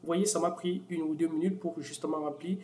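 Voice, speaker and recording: A man walking viewers through a software tool in a casual screen-recorded tutorial, with many fillers and restarts. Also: fairly high pitch, fairly even intonation, a little fast, a little hiss or hum. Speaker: software demo presenter.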